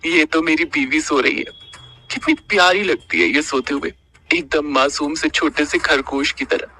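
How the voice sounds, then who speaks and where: A man voicing a young husband in an audio story, speaking softly and slowly. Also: a little high, gravelly, heavily acted. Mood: tender.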